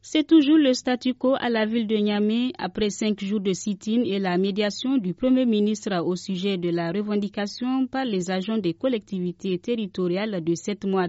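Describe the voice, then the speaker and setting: A woman's voice: mid-range voice, dark tone, dry recording. Woman, news anchor, formal, dry, dull lo-fi sound. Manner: measured, formal. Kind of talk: scripted news reading. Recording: dull lo-fi recording.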